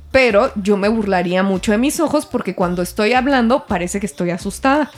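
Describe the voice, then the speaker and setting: A woman with a Mexican accent hosting a casual podcast chat, telling frank, self-mocking stories. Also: on the high side.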